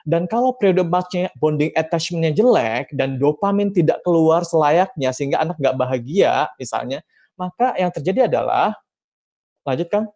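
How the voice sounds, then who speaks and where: In a muffled recording, a man with an Indonesian accent and a slightly high voice addresses parents and teachers at a seminar at a moderate pace. He's energetic and emphatic, posing questions to himself, answering them, and occasionally acting out bits of dialogue.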